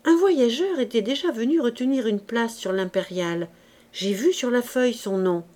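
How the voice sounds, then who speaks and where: A woman voicing a breezy young army lieutenant in an audiobook reading, answering in brisk, jaunty lines. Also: on the high side, darkish tone, lightly acted.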